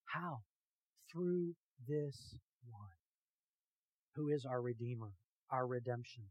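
A man preaching a sermon with emphatic rhetorical questions, swinging from hushed to loud and talking directly to his congregation. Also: medium pitch, slow, dry recording, poor audio. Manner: talks with the congregation, asks them questions. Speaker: pastor.

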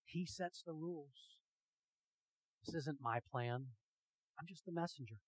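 A man preaching a sermon with emphatic rhetorical questions, swinging from hushed to loud and talking directly to his congregation. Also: on the high side, a little slow, slightly rough, no room sound, low-quality recording. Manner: talks with the congregation, asks them questions. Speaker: pastor.

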